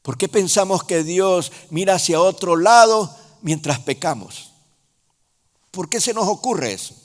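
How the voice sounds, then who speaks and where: A man preaching a sermon in a Honduran Spanish accent, speaking slowly and emphatically, with sudden loud rises and soft drops. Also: high-pitched, expressive. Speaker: apostle preaching. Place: large church hall. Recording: reverberant church hall.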